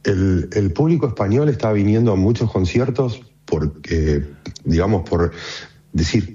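Argentine man, low and warm, chatty radio guest, lo-fi sound. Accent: Argentine Spanish. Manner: relaxed, conversational, frequent fillers. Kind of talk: radio interview.

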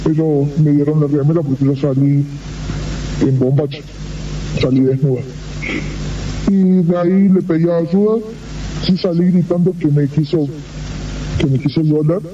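A young woman's witness testimony heard through a voice distortion that drags her pitch down into a very dark, heavy tone. The sound is muffled and lo-fi, as if taken from a TV clip, and she seems set back from the mic. She tells her account in halting first-person phrases and often repeats what others said. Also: steady tone, recorded from a distance, slight background noise. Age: 20s. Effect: voice distorted, pitched down to sound deep. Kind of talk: recorded testimony clip played on TV.

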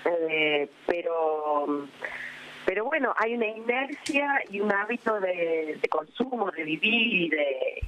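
A woman's voice: fairly low pitch, animated, a bit bright, slight background noise. Argentine woman on a phone line. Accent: Argentine Rioplatense. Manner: thoughtful, halting. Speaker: phone interview guest. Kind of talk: conversational interview. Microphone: telephone. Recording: telephone line.

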